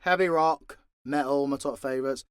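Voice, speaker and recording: Speaking at a normal speed in a clear, resonant medium pitch, this British audio drama creator and voice actor fields fan questions in an unscripted, relaxed chat. The studio-quality recording has no echo, and he comes across as blunt, jokey and quick to swear.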